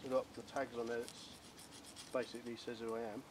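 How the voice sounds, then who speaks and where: A man's voice: mid-range voice, level tone, fairly quick. A British man in casual, matter-of-fact conversation outdoors, talking like one bloke to another. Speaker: bushcraft companion. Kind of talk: casual chat. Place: outdoors among undergrowth. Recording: distant mic, clear background noise outdoors.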